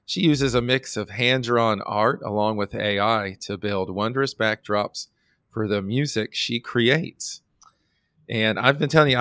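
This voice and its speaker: This podcast host has a low-leaning, creaky, slightly bright voice, recorded with no room sound. In a casual interview he chats in a friendly way, now and then pausing to hesitate with filler words.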